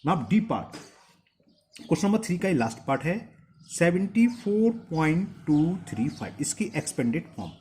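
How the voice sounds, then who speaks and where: Lively male maths teacher. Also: on the high side, moderate pace, slight background noise. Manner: asks questions and answers them himself, repeating steps. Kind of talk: blackboard-style maths lesson.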